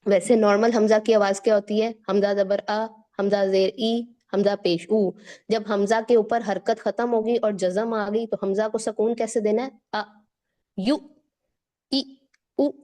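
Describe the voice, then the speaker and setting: Mellow-voiced woman teaching recitation. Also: medium pitch, level tone. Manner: patient, slows and stretches words to demonstrate; explains step by step and checks in with listeners. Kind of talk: tajweed lesson, explaining and demonstrating.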